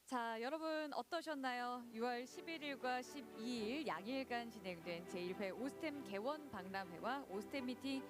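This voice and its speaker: A woman hosting a live event in a scripted, announcer-like style, presenting like a prize draw host. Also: a little high. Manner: announcer-like, drawn-out suspenseful prize reveals. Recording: loud music under the voice. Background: loud music.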